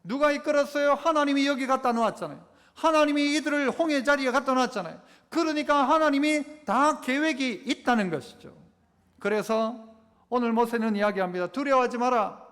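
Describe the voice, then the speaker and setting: A pastor preaching a sermon, repeating points and putting rhetorical questions to the congregation. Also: male voice, extremely high pitch, a little fast, fairly bright tone. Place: church sanctuary. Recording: echoey church sanctuary.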